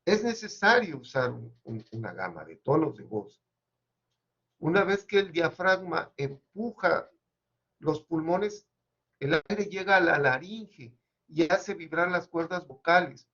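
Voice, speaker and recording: A man giving an academic seminar presentation, measured and explanatory with occasional hesitations, on a dull lo-fi recording. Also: a little high, expressive, fairly bright tone.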